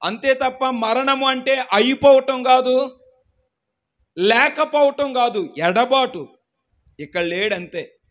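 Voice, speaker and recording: A man with a strikingly high voice and a hoarse, worn throat leads a Bible study class. He speaks slowly and deliberately, quizzing his students and urging them to answer aloud. He now and then rises into emphatic shouted lines. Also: muffled recording. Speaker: pastor teaching a Bible class.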